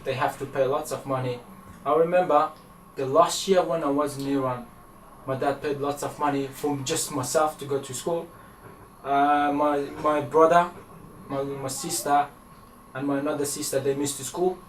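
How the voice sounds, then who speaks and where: A young man from Afghanistan answering interview questions, halting and hesitant with many fillers, recorded in a small indoor room. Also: a little high, steady tone, a little hiss or hum. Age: young adult. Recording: echoey room, from far off.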